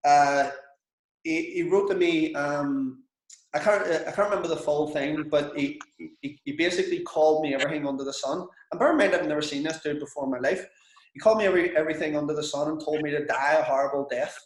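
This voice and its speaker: In a casual coaching session with students, a Belfast-accented man talks business in a frank, chatty, sweary way. His voice is a little high and his pace quick. The sound is reverberant and the recording quality low.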